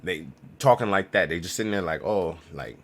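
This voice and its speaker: A man's voice: deep voice, fast, a bit bright. A young man giving casual travel tips in a vlog, talking in slang and acting out other people's lines. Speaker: travel vlogger.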